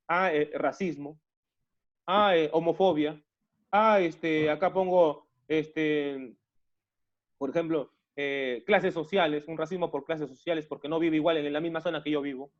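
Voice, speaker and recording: A man from Peru teaches online, often restarting and repeating himself, and he regularly refers to his students as "jóvenes." His fairly high voice is steady and unhurried, and the recording has its highs cut off.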